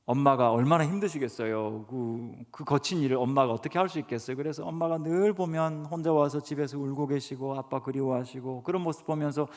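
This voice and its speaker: A man's voice: mid-range voice, brisk, few pauses, a little mellow. A man giving an earnest sermon lecture to a church congregation, often putting questions to the listeners. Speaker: guest speaker professor. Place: church sanctuary. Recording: reverberant church hall.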